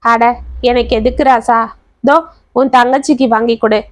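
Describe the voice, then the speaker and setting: Woman voicing a gentle old father. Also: fairly high pitch, fairly even intonation, normal speed, dry recording, natural voice. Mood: tender. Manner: soft and affectionate.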